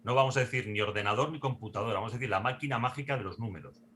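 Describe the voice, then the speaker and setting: A man making a brisk, lively argument in a casual panel discussion. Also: medium pitch, a little hiss or hum. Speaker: panel guest.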